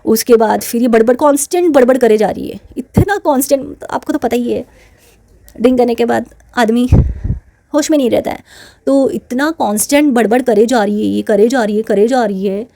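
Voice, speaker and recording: A woman's voice: a little high, moderate pace, mellow. A woman hosting her channel, telling a personal story in a chatty, indignant way and mixing English words into her Hindi. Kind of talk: casual storytelling to camera.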